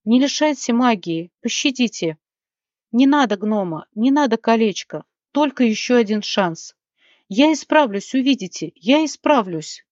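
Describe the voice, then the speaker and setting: Young scheming female fairy, wheedling and pleading, played by a woman narrator; high storybook voice, dry recording. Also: animated, unhurried, a little mellow, no room sound. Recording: dry, slightly muffled recording.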